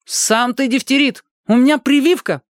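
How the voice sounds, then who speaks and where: Sharp-tongued bossy young girl, read by a narrator. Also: high voice, normal speed, no room sound, clean studio sound, pitched above the performer's own voice, close to an everyday voice. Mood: scolding. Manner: scolding, exasperated.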